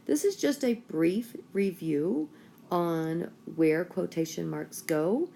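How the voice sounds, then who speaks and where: A woman's voice: lowish voice, takes it slowly, gravelly, mellow, a little hiss or hum. A woman schoolteacher explaining a writing lesson to her class step by step. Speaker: school teacher.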